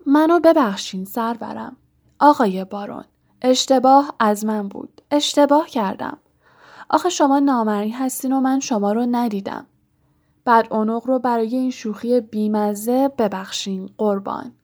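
A woman's voice: on the high side, lively intonation, mellow. A woman voicing a mischievous male poltergeist who turns oily and groveling. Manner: wheedling, then groveling and oily. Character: sly mischievous male poltergeist, fawning when scared.

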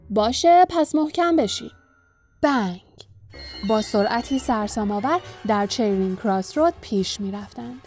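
A woman narrating a storybook in a calm, even reading voice. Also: mid-range voice. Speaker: audiobook narrator.

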